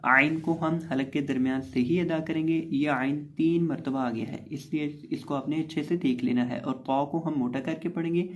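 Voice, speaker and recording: A man with a fairly high voice gives a recorded lesson on Quran reading. He explains the rules patiently and repeats each word slowly, drawing out the recited syllables. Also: steady tone, dull audio. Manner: patient, repetitive, spelling out letters and drawn-out recitation.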